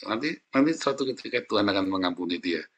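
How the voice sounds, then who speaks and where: A man preaching a sermon as a pastor, speaking in a lively, chatty way and often addressing listeners directly. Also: fairly low pitch, quick pace.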